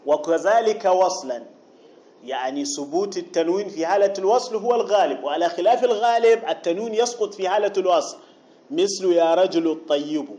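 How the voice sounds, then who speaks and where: A man teaching a grammar text, explaining deliberately, repeating key phrases and asking the listener questions. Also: sits high, a little mellow. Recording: dull lo-fi recording.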